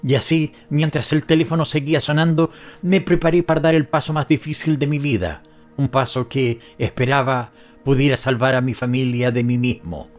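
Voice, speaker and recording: A man narrating a first-person audiobook story in a somber, measured way. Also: mid-range voice, steady tone, faint music behind.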